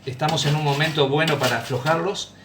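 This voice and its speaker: A man's voice: fairly high pitch, steady tone, a little fast. Man, cooking host, patient, repeats himself, distant mic, echoey room, faint background noise. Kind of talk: home cooking demonstration. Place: home kitchen.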